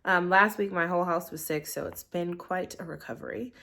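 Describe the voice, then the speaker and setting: This young woman's voice is on the low side, creaky and sharp, and also blocked-up and slightly nasal; she talks a little fast. Filming a casual vlog in portrait mode in her living room, she rambles through a tea review full of ums and likes.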